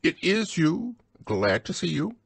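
A man voicing a fussy, cautious rabbit in a prim, high-pitched manner. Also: sing-song, measured pace, gravelly, breathy edge, dry recording, exaggerated voice.

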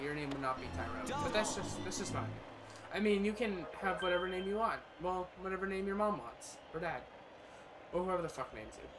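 Young man, profane, yelling gameplay commentary. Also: sits high, background noise. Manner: profane, rambling, bursts into loud yelling. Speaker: gaming streamer. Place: small room indoors.

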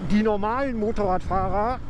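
A German-accented man talks casually into a helmet mic while out on a motorcycle ride, wandering through his points with plenty of fillers. His voice sits high for a man. Loud road and engine noise runs under everything he says. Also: normal speed. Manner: rambling, many fillers and restarts. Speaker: motovlogger. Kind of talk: casual vlog monologue.

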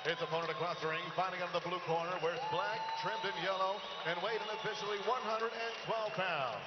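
A man working as a bilingual boxing ring announcer, booming out drawn-out names with lucha libre showmanship into a handheld mic in an arena. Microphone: handheld microphone. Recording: echoey arena PA, dull, crowd noise.

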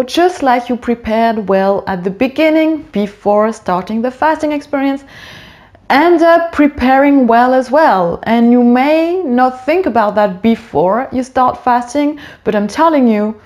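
A woman's voice: fairly high pitch, darkish tone. A woman hosting a wellness video, giving casual, direct advice straight to the viewer. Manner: friendly, direct, addresses the viewer. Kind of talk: casual instructional monologue.

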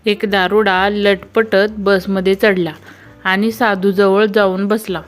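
A woman with a Marathi accent reads a string of jokes in a mid-pitched, even voice. She slips into quick voices for the characters and lets out small laughs at the punchlines. Faint music plays underneath. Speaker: joke narrator. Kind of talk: reading jokes aloud.

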